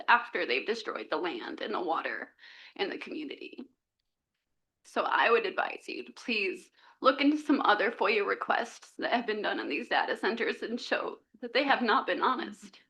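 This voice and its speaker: A woman's voice: mid-range voice, sing-song, normal speed, pushed and bright. A woman, a registered nurse, giving an earnest and urgent public comment at a county meeting. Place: county commission meeting room.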